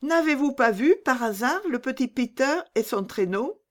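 A timid little girl pleads in a high, fretful voice, as a woman acts her out. Her questions come anxious and gentle, with a lively lilt fit for a storybook. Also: moderate pace. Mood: pleading anxious.

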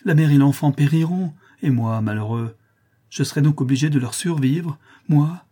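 Reading an old French novel aloud in the first person, a man narrates an audiobook with impassioned drama in a warm, husky, mid-range voice.

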